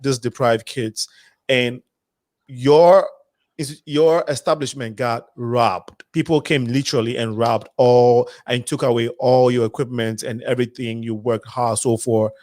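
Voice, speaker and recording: A man's voice: mid-range voice, steady tone, a little mellow, no echo. A man hosting an interview, restarting his words as he frames questions. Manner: halting, repeats words while framing questions. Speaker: host.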